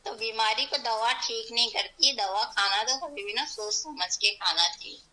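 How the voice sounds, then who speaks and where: A middle-aged woman with a Hyderabadi Urdu accent, telling her own story to an interviewer in a lively, devout way and voicing the people in it. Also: a little high, moderate pace, low-quality recording. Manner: animated, vivid retelling with voiced quotes; devout, invokes God often. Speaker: interview guest. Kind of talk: personal storytelling.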